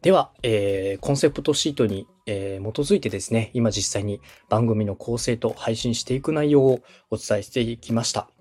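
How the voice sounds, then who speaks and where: A podcast host, coach and radio director from Osaka, Japan speaks at a moderate pace with few pauses, his medium-pitched voice a little mellow. He gives polite, encouraging, explanatory instruction in a podcast dialogue while soft background music plays.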